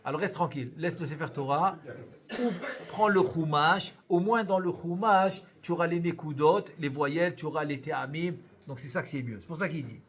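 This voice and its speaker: Male rabbi, lively classroom teacher, slightly high voice, repeats and self-questions. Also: moderate pace. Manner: animated, repeats key words, asks and answers own questions. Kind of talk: live Torah lesson.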